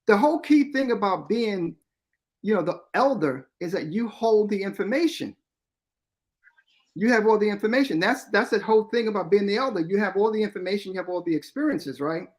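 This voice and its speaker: A man's voice: sits high, expressive, fairly quick. A man in his fifties, a guest on a radio talk show, explaining his views earnestly and repeating key points for emphasis. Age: 50s.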